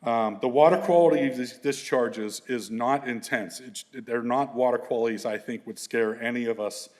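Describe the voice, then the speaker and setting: At a conference, a middle-aged environmental consultant with a big, full voice at an ordinary male pitch presents slides to colleagues at normal speed. He talks loosely, with fillers, restarts and asides throughout.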